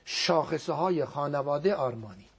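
A man's voice: on the high side, lively intonation, breathy edge. A man giving a religious talk as a guest on a program, teaching earnestly and quoting Arabic prayers, his voice sometimes sinking to a near whisper.

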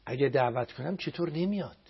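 Gravelly, husky man giving a religious talk. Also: fairly high pitch, lively intonation, lo-fi sound. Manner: emphatic, chants Arabic prayers slowly with repetition. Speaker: religious speaker.

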